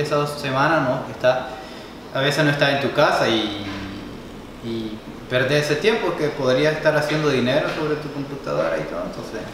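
A man in his twenties, from Nicaragua and raised in Canada, answering interview questions in a hesitant, soft-spoken way, seated on a couch. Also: medium pitch. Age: 20s. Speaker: guest. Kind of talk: casual interview. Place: bright room, seated on a leather couch. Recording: echoey room with reverb and background noise.

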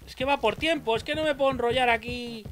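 A young man from Spain with a Spanish accent, streaming a game and talking through it, excitable and swearing often. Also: extremely high pitch, quick pace. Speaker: gameplay streamer. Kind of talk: let's play commentary. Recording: game music playing behind.

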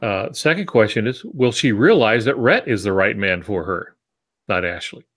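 On a video call from his home office through wired earbuds, an American writing teacher and podcast co-host in his sixties teaches casually, adding asides. His lowish voice is animated and fairly bright, at normal speed.

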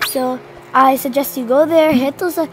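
With a slight cold, this teenage co-host keeps up chatty, rambling gameplay commentary, talking straight to her viewers over game music. Her voice sits high and steady at normal speed. The low-quality recording has a little hiss or hum.

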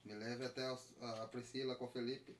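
A man's voice: medium pitch, flat delivery, brisk. A man in his thirties, a father playing an online game with his children, teasing them with mock threats and playful bargaining. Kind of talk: playful family gameplay chat.

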